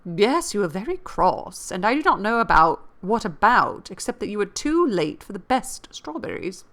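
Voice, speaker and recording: A clever young lady from an old novel, quick with a retort, read by a woman. The delivery is brisk and teasing with a lively, moving pitch. It sits in an everyday middle voice. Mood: playful.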